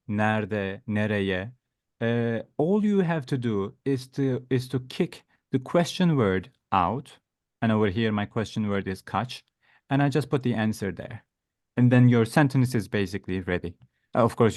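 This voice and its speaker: A man's voice: mid-range voice, darkish tone, no room sound, studio quality. A man teaching an interactive online language lesson, encouraging his students as he explains and gives examples. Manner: encouraging, praising. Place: online video class.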